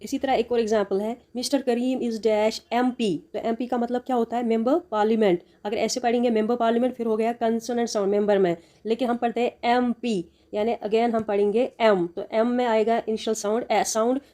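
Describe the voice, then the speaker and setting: Woman, grammar teacher, mellow voice, steady methodical explanations mixing Hindi and English. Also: a little high. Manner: methodical, reads example sentences slowly and deliberately.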